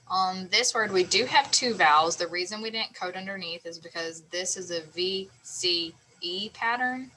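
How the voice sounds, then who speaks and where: A woman's voice: fairly low pitch, pushed and bright, slight background noise, low-quality recording. A woman teacher explaining a phonics lesson patiently, sounding out letters and syllables step by step.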